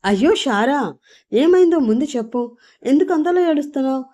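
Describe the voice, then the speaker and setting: A man's voice: very high voice, lively intonation, brisk, mellow, voice pushed up. A woman voicing a caring, anxious young man in a narrated audio story, asking urgent questions. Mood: alarmed.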